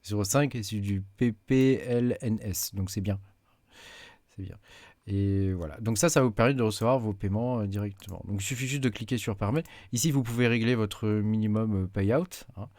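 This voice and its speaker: A man's voice: lowish voice, moderate pace, darkish tone, no echo. A man giving a casual screen-recorded tutorial, hesitant with many fillers as he clicks through menus at his desk mic. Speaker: tech YouTuber.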